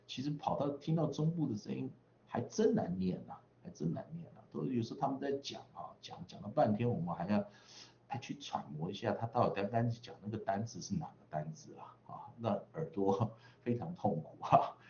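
A man's voice: lowish voice, animated, fairly quick, creaky, dark tone, reverberant, lo-fi sound, slight background noise. A man from the western United States teaching English pronunciation online, chatty, drawing out vowel sounds in drills with frequent tag particles.

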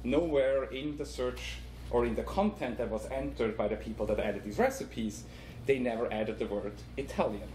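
Speaking at a moderate pace in a mid-range, slightly mellow voice, a conference speaker from Switzerland presents a talk and live demo in a Swiss accent. He explains step by step with frequent ums, and the conference room sounds echoey with faint noise.

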